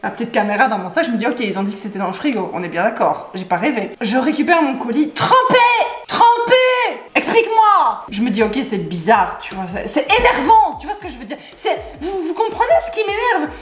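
Exasperated woman vlogger ranting a storytime, high lively voice, laughs a lot, echoey room. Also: quick pace, few pauses. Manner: animated, exasperated, laughs often, talks straight to viewers. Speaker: YouTuber telling a personal story. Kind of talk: casual storytime vlog. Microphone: Rode microphone. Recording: roomy echo.

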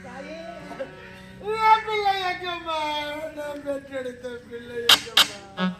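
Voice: sits high, very animated, slow pace, exaggerated voice. A performer in a stage drama playing a young orphaned mother who wails and sobs as she laments her lost son. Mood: pleading. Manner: wailing, sobbing, declamatory lament. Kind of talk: Tamil stage drama acting. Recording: echoey stage recording with music.

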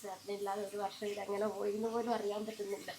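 Quick-spoken Malayali woman cook. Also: mid-range voice, little pitch movement, darkish tone. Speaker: eatery cook. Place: small roadside eatery.

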